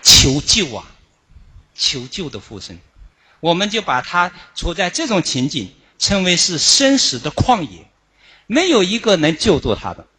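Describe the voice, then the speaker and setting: A man giving an instructional Dharma talk on chanting, explaining it in a measured way with frequent drawn-out "ah" fillers. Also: sits high, sing-song, sharp tone, slightly rough. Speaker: Buddhist chanting teacher.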